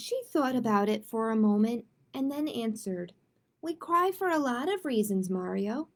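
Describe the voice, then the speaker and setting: A woman with a slightly high, lively voice hosts a children's storytime at a normal pace. She reads picture books aloud and chats expressively and directly with her young listeners, mixing the reading with casual talk.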